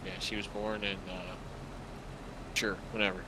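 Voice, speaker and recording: A man's voice: fairly low pitch, flat delivery, normal speed, bright, forceful tone, poor audio. A man in his twenties chatting on a gaming livestream, easily flustered and self-deprecating. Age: 20s. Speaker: co-player on stream. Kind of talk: casual gaming livestream chat. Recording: game vehicle engine noise behind.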